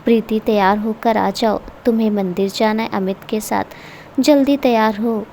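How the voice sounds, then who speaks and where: A woman voicing a gentle, motherly older mother-in-law. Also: mid-range voice, fairly even intonation, moderate pace, creaky, a little hiss or hum, natural voice.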